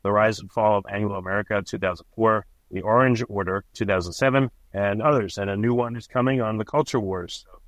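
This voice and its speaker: A man's voice: on the low side, brisk, few pauses, a bit bright, no room sound, rough recording. A man hosting a podcast, asking interview questions in a plain, conversational way. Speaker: podcast host.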